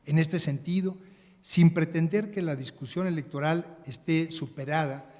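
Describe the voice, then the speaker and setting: A man giving a measured, formal prepared speech as a panelist, with occasional restarts. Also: on the high side, steady tone, a little mellow. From Mexico. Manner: measured, reading a prepared text, some restarts. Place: large conference hall. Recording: conference hall with long reverb.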